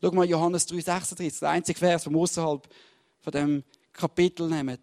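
A man's voice: fairly high pitch, fairly even intonation, brisk, darkish tone. A man preaching and teaching from the Bible, emphatic and repeating his key words while speaking straight to his listeners. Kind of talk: fervent sermon with Bible reading.

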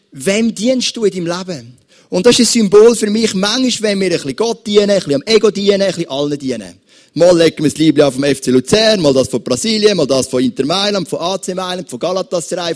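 A pastor with a Swiss German accent preaches a sermon, addressing his listeners with lively examples. His voice sits high.

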